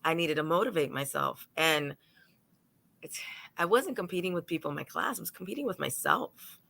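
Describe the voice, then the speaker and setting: On a panel, a New York lawyer speaks in a low-pitched, creaky voice at a moderate pace. She tells stories animatedly, acting out the things people said.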